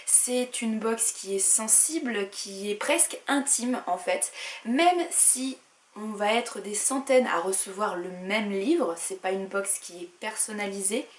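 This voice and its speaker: A woman's voice: mid-range voice, measured pace. A woman book vlogger casually reviewing a subscription box, chatting freely with frequent fillers. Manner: chatty, many "euh" and "voilà". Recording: echoey room.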